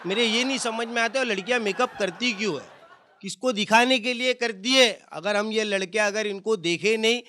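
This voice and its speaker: Male stand-up comedian, high bright voice, acts out voices in his bits. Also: moderate pace, slight background noise. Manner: switches into voices of the people in his jokes.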